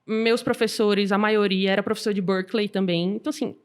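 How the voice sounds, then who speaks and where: A woman, a guest telling her story in a lively, informal way. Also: mid-range voice, fairly quick. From Salvador, Brazil. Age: 20s. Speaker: guest entrepreneur. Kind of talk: casual interview chat.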